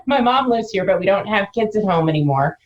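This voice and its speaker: A woman's voice: mid-range voice, expressive, normal speed, highs cut off. A middle-aged woman answering casually as a business owner being interviewed.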